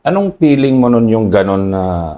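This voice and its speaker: A man's voice: fairly low pitch, very animated, normal speed, mellow. A Filipino man interviewing a soldier, asking brief questions and answering with short "mm" sounds. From Philippines. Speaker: interviewer, military officer.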